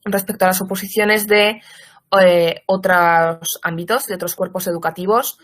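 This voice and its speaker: Measured lower-voiced lecturer woman. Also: fairly even intonation. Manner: measured, explanatory, with occasional self-corrections. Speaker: teacher giving a training talk. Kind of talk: online lecture answering chat questions.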